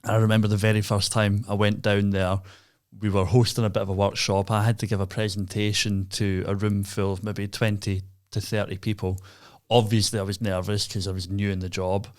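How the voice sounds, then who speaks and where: A man's voice: lowish voice, level tone, brisk, few pauses, a little mellow. A man with a broad Scottish accent co-hosting a podcast, telling a self-deprecating story in a casual way. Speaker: podcast co-host.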